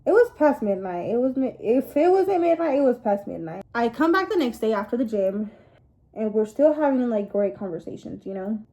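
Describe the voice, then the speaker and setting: Higher-pitched young woman dishing casual gossip. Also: brisk. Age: young adult. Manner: gossipy, confiding, animated storytelling with girl-talk asides. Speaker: vlogger. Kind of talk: casual storytime chat to camera.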